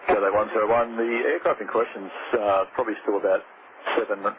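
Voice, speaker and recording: A male air traffic controller gives explanations and instructions at a brisk pace. His fairly low voice is heard over a noisy, band-limited radio. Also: steady tone, narrow, tinny audio.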